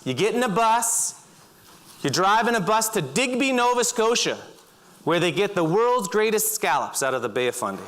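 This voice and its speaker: A middle-aged man telling vivid second-person stories on a stage, breaking into loud shouts. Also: high-pitched, a little hiss or hum. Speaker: speaker. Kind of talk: storytelling talk. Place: auditorium stage.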